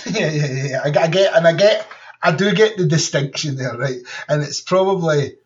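Brief: chatty, crude man, slightly high voice, recorded dull and a bit far from the mic. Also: moderate pace. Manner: rambling, frequent laughter, crude jokes. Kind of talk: casual chat.

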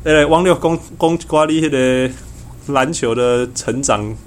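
A man hosts a loose, teasing conversation in Taiwanese-accented Mandarin mixed with Hokkien. His pitch is average, and some ambient noise sits behind him. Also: measured pace. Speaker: podcast host. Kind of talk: casual, teasing chat. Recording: clearly noisy background ambience.

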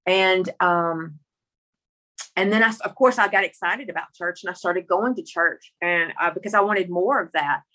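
A middle-aged woman with a Mississippi Southern country accent tells a personal story in conversation. Her voice sits a little low and has a bright, forceful edge. She speaks candidly and folksily, repeating phrases for emphasis. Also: normal speed. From Mississippi, rural United States. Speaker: interview guest telling her story.

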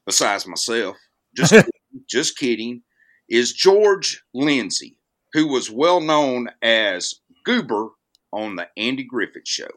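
An older man with the folksy manner of a Southern gentleman and a Southern American accent. He talks slowly in a bright, forward voice at a middle pitch, as a guest in a casual interview. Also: sing-song. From Alabama, United States. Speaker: podcast guest, actor.

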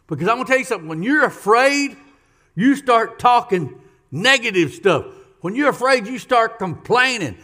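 A man's voice: high-pitched, sharp tone. A man preaching a sermon as pastor, emphatic, repeating key lines and questioning the congregation.

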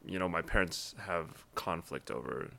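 A young man from Taiwan, a guest in a casual interview, answering in a thoughtful, measured way with frequent pauses. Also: low-pitched, gravelly, bright, forceful tone, a little hiss or hum. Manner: thoughtful, measured, many ums.

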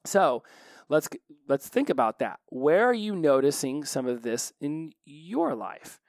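A man hosting a solo podcast, talking fast and excitedly with many fillers, tired from being up past midnight. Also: on the high side, vocal fry, no room sound, studio quality. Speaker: podcast host. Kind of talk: solo podcast monologue on recovery. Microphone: studio microphone.

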